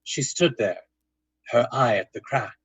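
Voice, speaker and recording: A man narrates a scripted old-time radio drama in a mid-pitched, husky, breathy voice with a fairly bright tone. His delivery is dramatic, animated, and unhurried, recorded dry with no echo.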